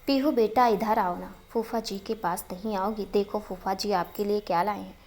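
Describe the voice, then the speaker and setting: A woman doing a gentle caring husband. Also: mid-range voice, fairly even intonation, moderate pace, lightly acted. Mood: gentle, coaxing. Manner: soft coaxing, speaking kindly to a child.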